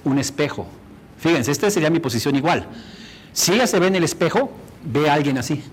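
A man's voice: on the high side, expressive, brisk, breathy edge, low-quality recording. A man teaching a workshop on rapport, demonstrating and often asking the audience questions. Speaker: instructor.

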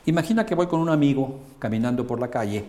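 A man's voice: medium pitch, expressive, quick pace, mellow. A man with a Mexican accent, teaching a coaching lesson with frequent hesitant filler sounds. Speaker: coaching instructor.

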